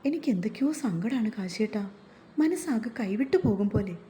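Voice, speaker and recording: A woman's voice: fairly high pitch, expressive, fairly quick, mellow, slight background noise, lightly acted. Woman voicing an anxious pregnant young wife. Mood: worried. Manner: worried, plaintive.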